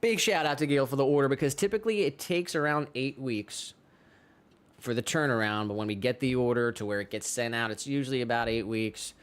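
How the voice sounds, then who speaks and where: Male stream co-host, mid-pitched, smooth clean tone, relaxed shout-out patter. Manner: easygoing, chatty, drawn-out fillers. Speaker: livestream co-host. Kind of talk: casual chat and chat shout-outs. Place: pottery studio.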